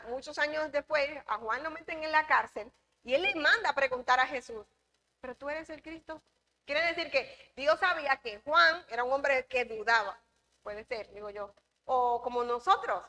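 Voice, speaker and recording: Leading a church Bible class, a Dominican woman speaks with a high, pushed, bright voice. She drives her points home by repeating key phrases and asking the class questions.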